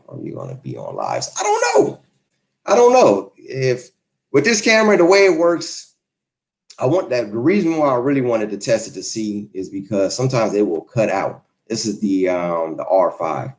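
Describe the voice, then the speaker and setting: A man's voice: fairly low pitch, huge pitch swings, moderate pace, gravelly. A man in his forties casually chatting with viewers on a livestream, easygoing and rambling, answering comments as they come in. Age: 40s. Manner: easygoing, rambling, laid-back. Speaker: YouTube creator hosting a livestream. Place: home, Los Angeles.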